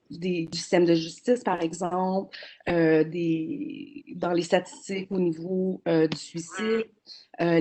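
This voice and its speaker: A woman's voice: on the low side, darkish tone. A woman, speaking as a panelist in a webinar over a video call, earnest and explanatory with frequent hesitations. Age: 40s.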